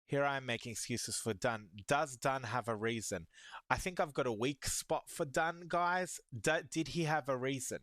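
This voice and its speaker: A man hosting an anime reaction, talking casually and excitably to his viewers, rambling with many restarts. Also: mid-range voice, no room sound. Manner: excitable, talks to viewers as "guys".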